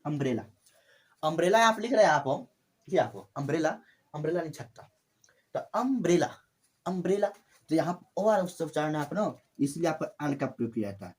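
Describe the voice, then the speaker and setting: Animated man teaching grammar. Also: a little high, a little fast. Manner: repetitive, addresses viewers as friends. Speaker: English tutor. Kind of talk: classroom grammar lesson.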